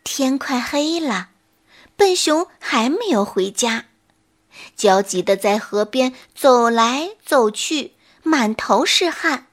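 A woman reading a bedtime story aloud in a soft, tender way. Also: sits high, expressive, takes it slowly, slight background noise.

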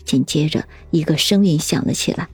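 Husky-voiced woman narrating a story. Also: low-pitched, dry recording. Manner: even, measured storytelling. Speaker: audiobook narrator.

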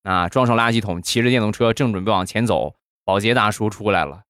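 A man's voice: on the low side, quick pace, no echo, studio quality. A man hosting a comedy show and telling short joke stories in a conversational way. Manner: animated, conversational. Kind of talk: storytelling jokes.

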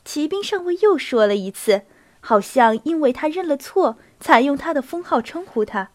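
A woman narrating a classic novel aloud in a calm, even storytelling voice. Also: high-pitched, moderate pace. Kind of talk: audiobook reading of a classic novel.

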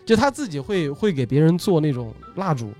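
A man with a slightly high voice hosts a casual conversation over faint background music. He is talkative and informal, often doubling up short phrases as he introduces people and topics. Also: sing-song, brisk, a little mellow. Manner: chatty, repeats short phrases. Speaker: host, video uploader and magician. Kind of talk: casual chat, introducing guests.

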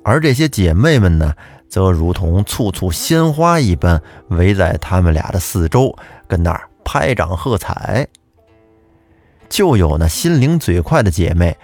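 Chatty male storyteller, lively voice. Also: deep voice, measured pace, faint music behind. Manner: chatty, addresses listeners directly. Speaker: storyteller host. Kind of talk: storytelling narration of a folk tale.

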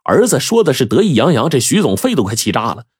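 Husky-voiced male storyteller. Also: mid-range voice, no room sound, studio quality. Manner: lively, with drawn-out sentence endings. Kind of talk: storytelling narration.

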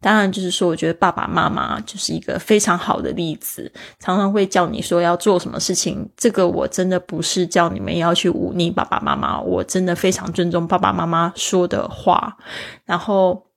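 Low gravelly-voiced woman teaching English. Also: lively intonation. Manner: explains words slowly, spelling them out; encouraging, talks straight to listeners. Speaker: podcast host and English teacher. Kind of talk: podcast English lesson.

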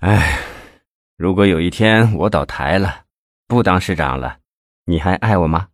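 Man playing a weary middle-aged mayor, low, sighing, complaining, storybook. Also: sing-song, a little fast, slightly rough, dry recording, studio quality. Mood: gloomy, sighing. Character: middle-aged male city mayor, gloomy and self-pitying.

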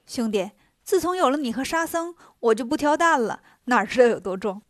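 A woman voicing a brash, quick-tempered male monkey-monk who teases his companions. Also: high voice, lively intonation, no echo, clean studio sound. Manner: brash, teasing.

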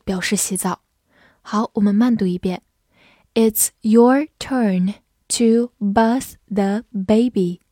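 Mellow-voiced woman teaching vocabulary. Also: mid-range voice, no room sound, studio quality. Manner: spells and slowly reads out English examples. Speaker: English teacher. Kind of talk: vocabulary lesson.

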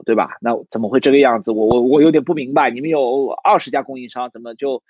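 A man's voice: mid-range voice, a little mellow, no echo, muffled recording. A man giving a casual livestream lesson on recruiting sales, talking loosely with plenty of fillers and restarts and putting questions to his audience. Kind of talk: livestream teaching talk.

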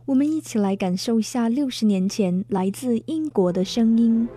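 A language lesson host, a woman, narrates a bilingual English lesson in a playful, chatty style and laughs often. Her voice is a little high and expressive, with a warm tone and a moderate pace. Faint music plays in the background.

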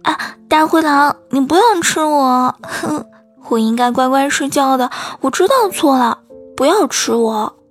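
Brief: woman voicing a high, pouty little storybook kitten, whispered role-play, a gravelly edge. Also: normal speed, soft background music. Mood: frightened. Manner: pouty, childish insistence. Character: small stubborn kitten, childish and easily scared.

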